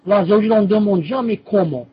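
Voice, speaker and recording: High-voiced husky man teaching. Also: fast, lo-fi sound. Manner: repeats key terms patiently, self-correcting as he explains. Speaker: religious teacher. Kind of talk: live online lesson answering students' questions.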